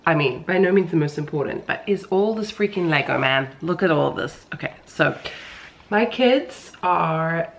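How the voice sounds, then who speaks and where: Low-pitched woman with a congested, pinched-nose sound. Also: animated, normal speed, vocal fry. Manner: rambling, self-deprecating, informal. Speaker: vlogger, mother of young children. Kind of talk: casual chatty home vlog.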